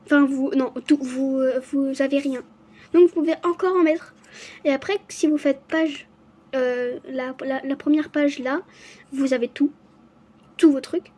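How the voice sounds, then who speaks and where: Casual vlogger woman with a stutter, slow and apologetic, high, soft-toned voice. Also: steady tone. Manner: stutters, restarts words often; halting, apologetic. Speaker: vlogger showing her gifts. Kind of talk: casual unboxing chat to camera.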